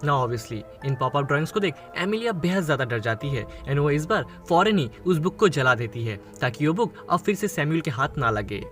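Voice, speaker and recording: A man tells a film's story as a scripted recap, his voice sitting a little above the usual male range. He moves steadily from scene to scene and slips English phrases into his sentences. Soft music plays faintly underneath. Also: fairly high pitch, very animated, moderate pace, few pauses. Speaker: movie recap narrator. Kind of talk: scripted movie recap narration.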